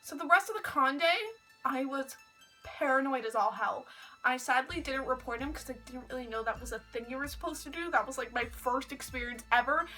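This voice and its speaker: A young woman, telling a story to camera in a chatty, animated way and saying "like" a lot. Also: high-pitched, a little fast, soft background music, rough recording. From Canada. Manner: chatty, heavy use of "like", animated retelling. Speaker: vlogger. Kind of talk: casual storytelling.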